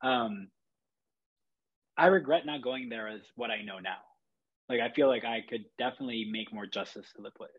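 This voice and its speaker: A man's voice: mid-range voice, normal speed, pauses often, husky, dull audio. A man from Chile, a photographer, talking in a rambling, reflective way with many fillers and restarts. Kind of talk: casual podcast chat.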